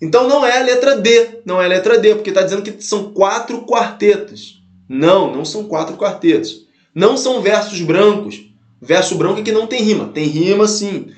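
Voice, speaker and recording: A man's voice: sits high, fairly quick, reverberant. A man teaching an exam-prep lesson, explaining step by step, repeating his points and checking in with his students. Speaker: Portuguese teacher.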